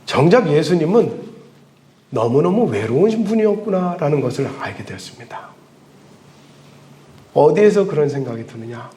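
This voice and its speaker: Animated high-voiced Korean pastor preaching. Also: male voice. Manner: animated storytelling with dramatic pauses. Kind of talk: sermon. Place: church.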